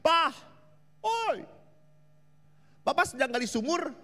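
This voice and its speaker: A man's voice: very high-pitched, sing-song, slow pace, sharp tone, big-room sound, pitched above the performer's own voice, exaggerated voice. A man voicing a small boy calling eagerly down a well to his father, in a sermon story.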